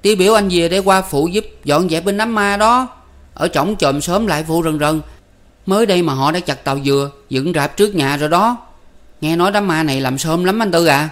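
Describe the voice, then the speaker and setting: A man voicing a young village boy who talks quickly and excitedly, with a Southern Vietnamese accent. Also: natural voice. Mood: eager. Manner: quick, excited, high-pitched. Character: young boy Năm, eager and chatty.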